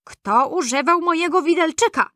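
A woman voicing a group of small, cheerful male dwarves in a storybook reading, with high, drawn-out, wondering questions. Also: a bit bright, dry recording, clean studio sound. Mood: puzzled.

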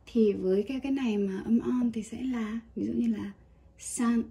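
A woman teaching a casual Japanese kanji lesson, chatty and relaxed with small laughs. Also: on the high side, normal speed, vocal fry, slightly rough.

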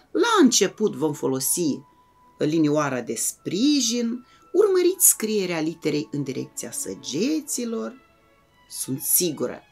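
A woman with a Moldovan Romanian accent, teaching a lesson to young children in a lively, encouraging and clear way. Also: fairly low pitch. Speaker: primary school teacher.

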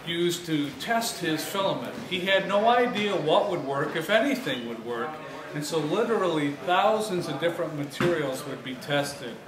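A man guiding a museum tour indoors, speaking conversationally with fillers and pauses. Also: a little high. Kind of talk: guided tour talk. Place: historic laboratory building, indoors. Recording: echoey room with a crowd around.

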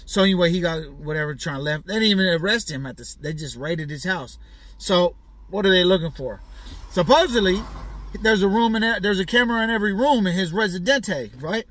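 A man's voice: high-pitched, lively intonation, brisk, fairly bright tone. A man hosting a show, rambling through casual commentary with lots of fillers and slang, always checking in with "right?". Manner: asks the listener for agreement again and again. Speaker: show host. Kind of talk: casual commentary on celebrity news.

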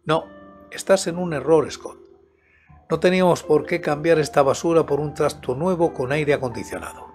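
A moody male criminal in a suspense audiobook talks deliberately as an older man reads him out. The voice is slightly high, with faint music behind it. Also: darkish tone, lightly acted. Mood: curt, dismissive. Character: sullen, tall, lean criminal in his mid-thirties. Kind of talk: audiobook character dialogue.

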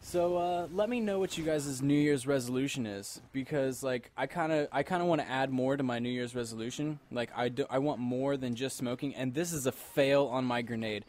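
A man's voice: medium pitch, normal speed, hardly any pauses, a little mellow, a little hiss or hum. A tipsy man doing casual game commentary, rambling and repeating himself as he talks to his viewers. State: tipsy from alcohol. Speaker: gamer commentator.

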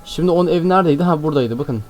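A young man host commentating a game, excitable and jumpy, constantly talking to his viewers. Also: a little high, racing, a little hiss or hum. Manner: excitable, jumpy, keeps addressing viewers as friends. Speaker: gaming channel host. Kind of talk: Minecraft let's-play commentary. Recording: faint background music.

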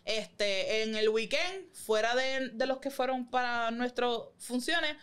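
A woman's voice: fairly high pitch, slow, fairly bright tone, smooth. A Puerto Rican woman co-hosting a podcast in casual chat, sassy and slangy, mixing in English phrases. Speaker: podcast co-host.

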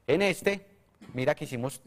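A man's voice: on the high side, normal speed, long reverb tail. A man, a math teacher, explaining a method step by step on a televised lesson. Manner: explanatory, steady, asks for agreement.

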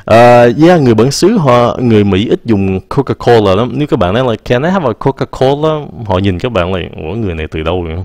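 A man, teaching English in a casual, patient lesson and repeating example phrases slowly. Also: medium pitch, expressive, a little mellow, dry recording, clean studio sound.

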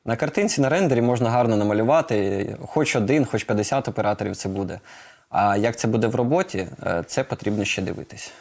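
A man's voice: on the low side, quick pace, creaky, darkish tone. A man answering questions as a studio guest in a live interview, hesitant with many filler sounds. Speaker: production head of a drone maker, guest.

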